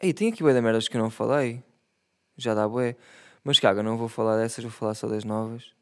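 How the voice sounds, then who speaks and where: A man's voice: mid-range voice, brisk, fairly bright tone. A young man with a European Portuguese accent, ranting profanely and comically in a casual monologue.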